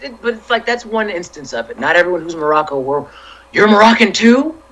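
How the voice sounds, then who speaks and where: A man's voice: high voice, sing-song, brisk, fairly bright tone, a little hiss or hum, rough recording. A man co-hosting a casual culture podcast, making his points emphatically and acting out little quoted asides. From Los Angeles area. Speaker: podcast co-host. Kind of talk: casual chat.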